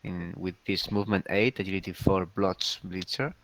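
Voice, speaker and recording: A man with a lowish voice hosts a casual game recap, agreeing often and stopping to think with fillers. The sound is dry and close, with no room around it. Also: fairly even intonation, moderate pace, gravelly, fairly bright tone, no echo. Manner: easygoing, agreeable, hesitant with fillers. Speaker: host.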